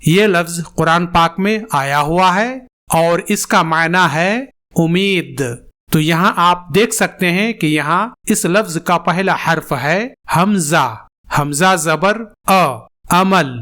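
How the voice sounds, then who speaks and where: Bright-voiced, deliberate Quran pronunciation teacher. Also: medium pitch. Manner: slow, deliberate, spells letters out and models sounds for the learner to repeat. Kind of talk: tajweed lesson with repetition drills.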